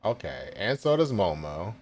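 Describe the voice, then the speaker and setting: A man's voice: low voice, very animated, normal speed, a little mellow. A man reading a manga chapter aloud live and reacting with casual asides and chuckles.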